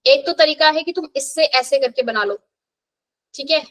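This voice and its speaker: Brief: high-pitched woman, brisk classroom chemistry teacher, quizzing and counting aloud. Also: a bit bright, poor audio. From India. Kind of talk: live classroom revision lesson.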